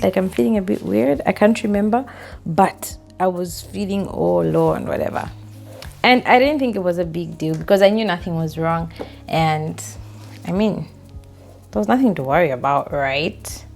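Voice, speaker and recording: A woman's voice: mid-range voice, expressive, moderate pace, gravelly, darkish tone, faint music behind. A woman vlogger telling a story in a chatty, casual way while doing her hair, laughing often and saying "like" a lot.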